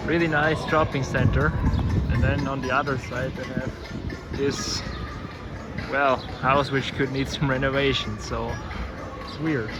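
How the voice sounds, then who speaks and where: A man's voice: medium pitch, level tone, unhurried, long pauses, loud music behind the voice. An Austrian-accented man, a native German speaker, giving casual, observational travel commentary while walking outdoors in a city. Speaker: travel vlogger. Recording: loud street traffic and city noise.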